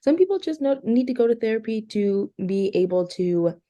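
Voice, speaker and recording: A woman's voice: a little high, expressive, dark tone. A woman co-hosting a podcast in casual chat, explaining her views earnestly. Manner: earnest, explaining, with quick laughs. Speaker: podcast co-host.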